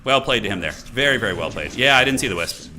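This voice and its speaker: A man's voice: mid-range voice, lively intonation, quick pace, bright, forceful tone, a little hiss or hum. A man giving casual, slangy live commentary on his own game, talking through his moves with some mild swearing. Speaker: gaming streamer commentating own match.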